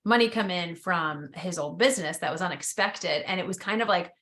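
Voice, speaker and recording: A woman's voice: lowish voice, brisk, a bit bright. A woman hosting a podcast, chatting reflectively about her own experiences. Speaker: podcast host. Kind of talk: casual podcast interview.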